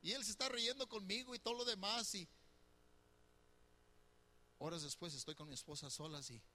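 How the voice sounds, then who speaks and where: In this sermon about marriage, a middle-aged male pastor speaks conversationally, poking fun at his listeners and putting questions to them. He has a high, bright, forceful voice and talks at a normal speed over slight background noise.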